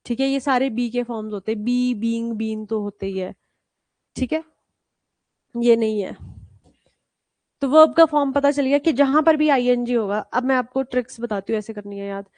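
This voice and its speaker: A woman's voice: a little high, moderate pace, long pauses, darkish tone, dry recording. A woman teacher from India giving a live grammar lesson with an Indian accent, quizzing students and calling them "beta" as she explains spelling rules. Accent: Indian English. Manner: switches between Hindi and English terms, spells out rules.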